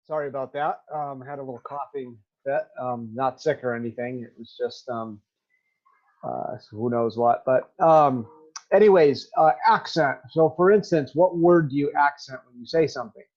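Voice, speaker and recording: A man teaching a recorded remote lesson, talking straight to his students in a halting way with many ums. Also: medium pitch, darkish tone, lo-fi sound.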